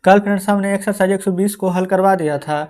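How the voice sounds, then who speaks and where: A man teaching English as an online tutor, who spells out words letter by letter, calls his listeners friends again and again and slows down while dictating answers. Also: sits high, steady tone, a little mellow. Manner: calls listeners "friends" in nearly every line.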